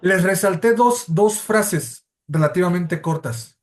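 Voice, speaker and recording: A man with a Mexican Spanish accent teaches a church Bible study class. His voice sits high, and he explains things methodically, step by step, often pausing to correct himself.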